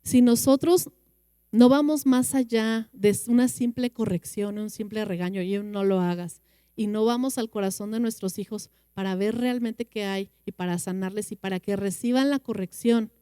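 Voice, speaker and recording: A woman with a Mexican Spanish accent giving an earnest church talk to parents, quoting the Bible and slowing down for emphasis. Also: medium pitch, mellow, clean tone, dry recording, studio quality. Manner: earnest, slows down for emphasis and acts out children's replies. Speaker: church parenting class teacher. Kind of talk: teaching talk with Bible quotes.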